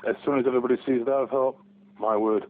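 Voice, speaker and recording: Calling in from Barnsley, England, a hesitant fan in his forties speaks quickly in a steady, mid-range voice, stumbling through restarts and ums. The casual phone interview comes through a telephone with heavy line filtering and phone-quality sound.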